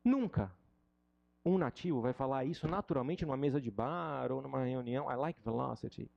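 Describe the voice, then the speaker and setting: Brief: middle-aged Brazilian man, English teacher, gravelly and dark, teasing. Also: mid-range voice, moderate pace, highs cut off. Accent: Brazilian Portuguese. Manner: animated and joking, mocks students. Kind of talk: informal lesson chat.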